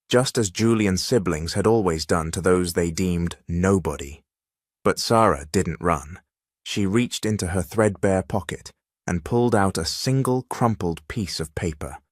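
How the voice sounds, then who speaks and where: A man reading a dramatic story as narrator in a steady, measured way. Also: low voice, no room sound, clean studio sound.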